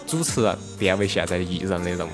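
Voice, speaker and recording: A man's voice: low-pitched, quick pace. A man from Sichuan with a Sichuan accent, hosting a casual chat and telling stories in colloquial dialect with rhetorical questions. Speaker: talk show host. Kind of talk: casual chat, reminiscing about local radio and music. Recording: music playing behind the voice. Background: music.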